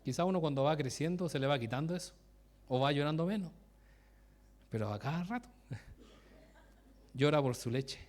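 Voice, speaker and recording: A man preaches in a relaxed, informal way, restarting phrases as he goes. His voice sits somewhat high for a man. He turns to his listeners with direct questions and chuckles at his own anecdotes. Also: normal speed, pauses often. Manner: informal, self-interrupting, laughs at his own stories; asks the congregation direct questions. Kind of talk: conversational sermon with personal stories.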